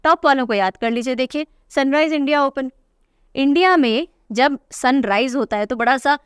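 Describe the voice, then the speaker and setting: Her voice is high and clean-toned at a moderate pace, recorded dry with clean studio sound. She's a young current affairs teacher running an exam-prep lesson, chatting and teasing while repeating key names so they stick.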